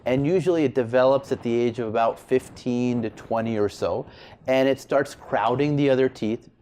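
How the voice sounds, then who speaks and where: Male surgeon, average pitch, explanatory interview delivery, light background noise. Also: normal speed. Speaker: oral surgeon being interviewed. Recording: steady background ambient noise.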